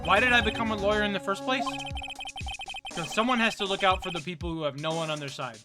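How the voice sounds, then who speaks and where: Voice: medium pitch, fast, loud music behind the voice, natural voice. A performer voicing an earnest young male defense lawyer in a video game, emphatic and theatrical, determined yet easily flustered. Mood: brooding. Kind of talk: dramatic video game read-aloud with character voices.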